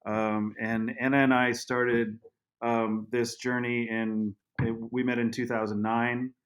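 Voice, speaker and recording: A man speaking as a guest on a podcast, telling a story in halting speech with many restarts. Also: medium pitch, level tone, fairly bright tone. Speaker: guest, vineyard owner. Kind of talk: casual interview.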